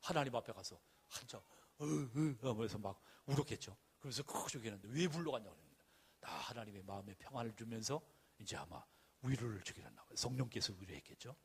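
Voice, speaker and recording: A middle-aged man preaching to his congregation, his voice husky and a little rough. He drives points home with repeated commands and rhetorical questions. Storytelling stretches fall quieter, then rise into loud calls. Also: on the low side, lively intonation, quick pace. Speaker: pastor. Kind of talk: sermon.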